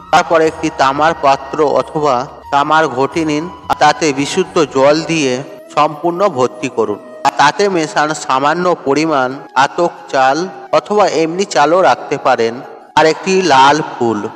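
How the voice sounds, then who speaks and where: A man hosting a devotional tips channel, giving measured, scripted instructions for a ritual and chanting mantras slowly. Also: on the high side. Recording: long reverb with faint music.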